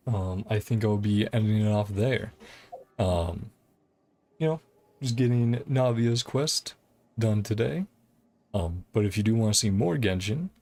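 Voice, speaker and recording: This game streamer has a medium-pitched, dark-toned voice. The talk is loose, giggly and hesitant, wandering from thought to thought, with video game music underneath.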